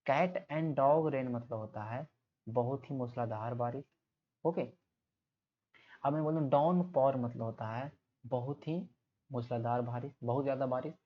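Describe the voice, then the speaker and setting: Male teacher, mellow voice, grammar lesson with repeated questions, muffled lo-fi recording. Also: mid-range voice. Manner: explains step by step, repeats questions and answers them himself. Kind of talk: exam-prep grammar lesson. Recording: slightly muffled lo-fi audio.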